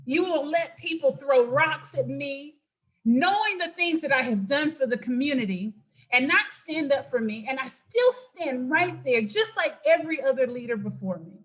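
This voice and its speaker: A woman hosting an impassioned political talk, emphatic and preachy, with quick asides. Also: high-pitched, lively intonation, fairly bright tone. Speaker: host and political commentator.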